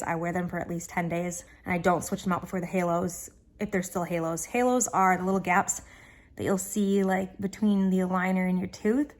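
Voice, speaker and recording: Casual woman vlogger with an aligner lisp. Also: lowish voice. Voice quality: slight lisp from wearing dental aligners. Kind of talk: casual chat to viewers.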